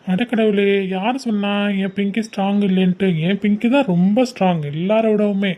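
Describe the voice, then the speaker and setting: A woman voicing a young male uncle, a college student, who gently coaxes his niece. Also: mid-range voice, normal speed, dull audio, natural voice. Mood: coaxing. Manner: soothing, coaxing, repeats "okay?".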